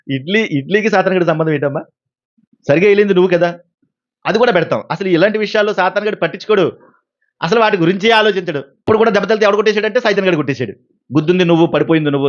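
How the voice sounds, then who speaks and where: A man preaching a sermon, animated, asking the congregation questions and acting out everyday exchanges. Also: fairly high pitch. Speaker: pastor. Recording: dull, lo-fi recording.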